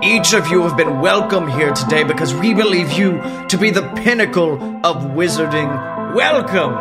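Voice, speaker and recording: A man's voice: on the high side, lively intonation, moderate pace, loud music behind the voice, voice pushed up. A man doing a showy, grandiose wizard headmaster. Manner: grandiose, announcing.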